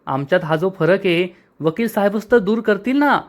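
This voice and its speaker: A man's voice: high voice, expressive, moderate pace. A man reading the lines of a rich young man, determined and in love, in a soap recap.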